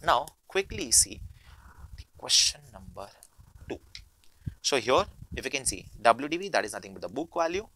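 A man's voice: mid-range voice, sing-song, moderate pace, pauses often, bright, forceful tone, slight background noise. A young man with an Indian accent teaching a lesson, mixing Hindi and English mid-sentence and repeating key phrases as he works through problems. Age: young adult. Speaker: accounting teacher. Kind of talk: instructional lecture working through problems.

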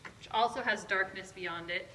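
A woman's voice: medium pitch, moderate pace, slight background noise. Playful woman in an echoing empty house. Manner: playful, chatty and excited. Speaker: vlogger. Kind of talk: casual vlog house tour. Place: large empty house, indoors. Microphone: phone camera at arm's length. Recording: echoey empty room.

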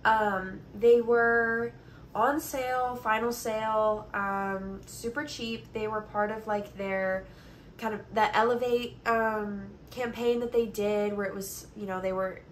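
Filming herself on a phone held at least arm's length away, this twenty-something vlogger talks informally about her haul from her bedroom, her voice congested from allergies. She speaks slowly at a mid-range pitch with fairly even intonation, and background noise is clearly audible.

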